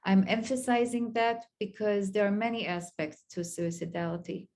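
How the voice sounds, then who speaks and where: A middle-aged Israeli woman with an Israeli accent, a clinical psychologist, gives an online lecture. She speaks haltingly, with many pauses and fillers, in a medium-pitched, slightly mellow voice.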